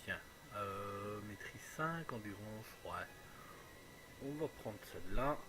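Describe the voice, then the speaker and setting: Low-voiced man doing casual game commentary. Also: animated, slow. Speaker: let's play gamer. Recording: clearly noisy home recording.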